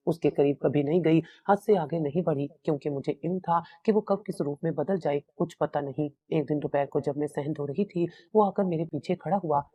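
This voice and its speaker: A woman calmly narrating a first-person story in a measured, solemn way. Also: low voice, highs cut off.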